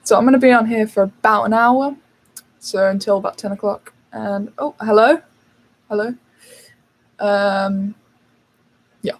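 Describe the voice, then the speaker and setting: A woman's voice: medium pitch, fairly even intonation, measured pace, long pauses, rough recording. British woman chatting on a livestream. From United Kingdom. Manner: chatty, reads out and answers viewer questions with fillers. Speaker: channel host. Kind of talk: casual livestream chat.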